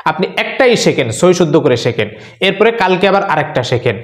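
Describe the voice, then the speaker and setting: A man teaching a religious lesson on prayer recitation, earnest and instructive, repeating phrases slowly for learners. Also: a little high, sing-song, echoey room.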